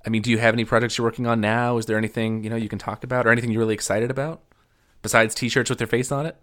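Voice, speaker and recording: A man's voice: mid-range voice, level tone, very fast, fairly bright tone. A man hosting an interview, friendly, with brief affirmations and follow-up questions. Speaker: interviewer, podcast host. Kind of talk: casual interview.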